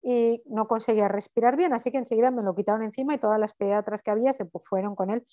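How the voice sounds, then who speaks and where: A woman's voice: a little high, fast talker, dry recording, lo-fi sound. Chatty Spanish woman telling a story. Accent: Spanish from Spain. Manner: lively, acts out dialogue, swears casually. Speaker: mother telling her birth story. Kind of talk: casual storytelling.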